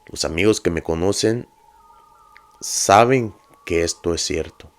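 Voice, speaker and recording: Deep, slow storyteller man. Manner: measured, earnest and confiding. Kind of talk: paranormal story narration.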